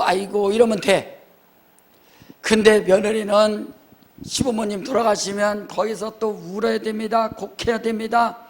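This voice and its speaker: In a church sanctuary, an older pastor with a high voice preaches a sermon, acting out mourning wails. He keeps checking in with the congregation by posing rhetorical questions.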